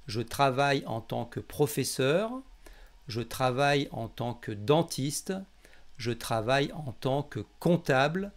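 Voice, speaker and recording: In a voice a little on the high side, a French-accented man from France walks through a language lesson, carefully articulating example phrases in a teacherly manner.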